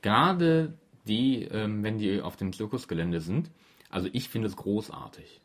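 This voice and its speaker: A man's voice: lowish voice, a little slow. A man co-hosting a casual podcast chat, eager and given to stumbling repeats. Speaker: podcast co-host. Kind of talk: casual chat reviewing a radio play.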